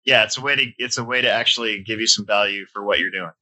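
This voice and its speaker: A man in his forties, a little stuffy-nosed, hosts a hobby podcast from home and talks in a casual, meandering style. His voice is fairly low but bright and forceful, and he speaks at a quick pace.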